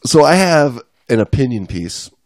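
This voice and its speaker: A man co-hosting a casual podcast chat about diving, animated and reading passages aloud with emphasis. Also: medium pitch, unhurried, no room sound. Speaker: podcast co-host.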